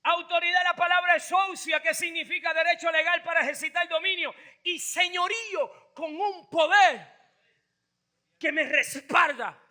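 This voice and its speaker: A male pastor preaching a fiery sermon, shouting and calling on the congregation to respond. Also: extremely high pitch, steady tone, normal speed. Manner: shouting, call-and-response, mixes in English phrases.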